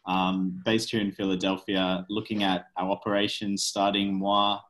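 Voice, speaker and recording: A man with an Australian accent speaking as a panelist on a video call, relaxed and self-deprecating. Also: low voice, normal speed, poor audio. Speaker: panelist, HR consultant.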